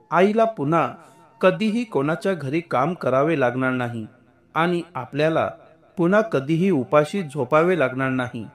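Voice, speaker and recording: A man narrating an emotional story in a slow, earnest way. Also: medium pitch.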